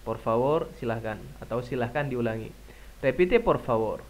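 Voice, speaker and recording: A man with an Indonesian accent teaching a language lesson, saying words slowly and repeating them for learners to echo. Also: mid-range voice, expressive, a little mellow, slight background noise. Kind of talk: slow, drilled language lesson.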